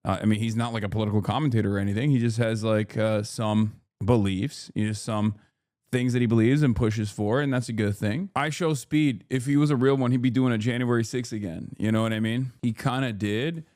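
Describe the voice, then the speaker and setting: A man's voice: medium pitch, fairly even intonation, fairly quick, a little mellow, no room sound. A man in his thirties, raised in Turkey, chats loosely and profanely over clips he is reacting to. He rambles and throws in joking asides. The recording is dry and close. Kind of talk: casual reaction commentary.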